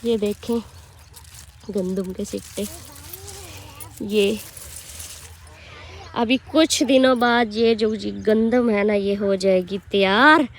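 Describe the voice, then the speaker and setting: A young woman, slightly hoarse, chatting casually to viewers as she vlogs while walking through farm fields. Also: medium pitch, steady tone, takes it slowly, long pauses, slight background noise. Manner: chatty, rambling, addresses viewers directly. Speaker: village vlogger and mother. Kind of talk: casual walk-and-talk vlog.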